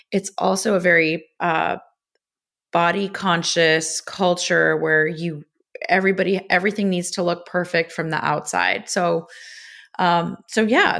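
A Los Angeles woman in her thirties, a cookbook author and food blogger, talks candidly as a guest on a podcast interview. Her voice sits on the low side with vocal fry and a bit of brightness, and she's open and chatty with small restarts.

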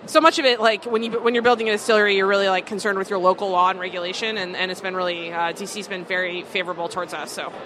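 A distillery co-owner with a medium-pitched, steady, slightly bright voice answers interview questions rapid-fire, barely pausing. She's chatty and casual, packing in "like" and "um," while a busy food market makes noise behind her.

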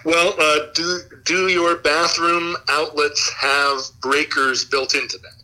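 A man chatting casually as a called-in guest, explaining things in a halting way. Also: fairly high pitch, flat delivery, sharp tone, low-quality recording. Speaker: guest giving advice by call. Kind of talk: casual chat.

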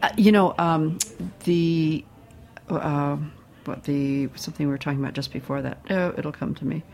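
Gravelly low-voiced woman hosting a show. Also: moderate pace, darkish tone, slight background noise. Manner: chatty, prompting, trails off searching for words. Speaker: show host. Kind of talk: casual studio conversation. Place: radio studio.

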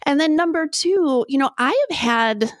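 A woman's voice: sits high, lively intonation, moderate pace, no room sound. Encouraging woman podcast host, dry close sound. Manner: complimentary, encouraging. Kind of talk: scripted introduction and interview hosting.

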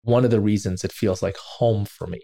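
Low-voiced man telling a story earnestly. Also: normal speed, vocal fry, dry recording. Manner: earnest, self-deprecating, animated retelling with quoted asides. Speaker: interviewer and podcast host. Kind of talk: reflective personal storytelling.

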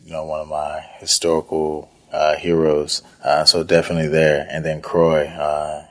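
This interview guest speaks at an extremely low pitch in a monotone, at normal speed. He's a thirty-year-old chef and restaurant owner from northeast Houston, Texas, whose conversational answers come out hesitant, as if he's working them out aloud.

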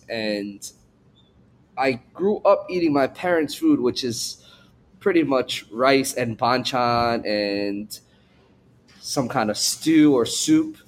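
A man from Korea, raised in New York, talking as a chef guest on a podcast in a thoughtful, rambling way. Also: medium pitch. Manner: thoughtful, rambling, many fillers and restarts. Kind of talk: casual interview.

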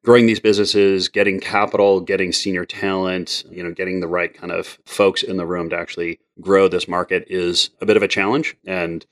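A man's voice: sits low, level tone, fairly quick, hardly any pauses, fairly bright tone. A man hosting an interview podcast, rambling and full of fillers as he introduces his guest and asks questions. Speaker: podcast host. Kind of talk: interview conversation.

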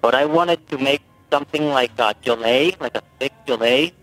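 A man calling in to a radio show over a buzzy, glitchy phone line that keeps breaking up, asking his question haltingly with ums. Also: medium pitch, fairly bright tone, soft background music. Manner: halting, searching for words with ums. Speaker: caller.

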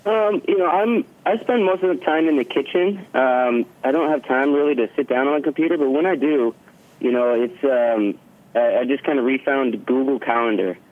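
A man's voice: mid-range voice, normal speed. A man calling into an interview show by telephone, chatting casually and a little hesitantly. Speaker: phone-in interview guest. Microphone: telephone call. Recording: narrow tinny phone line.

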